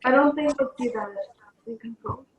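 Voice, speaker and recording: A woman on a video call telling a story at a memorial in a slow, measured way, heard through a laptop speaker. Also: sits high, slight background noise, rough recording. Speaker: family member at a memorial. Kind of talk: telling a story while folding paper.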